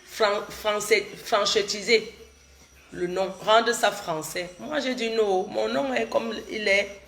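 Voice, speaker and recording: Gravelly and medium-pitched, this middle-aged Cameroonian livestreamer takes her time, with background noise in the mix. She has a cold and chats casually with viewers, responding to their comments directly and going over the same things again.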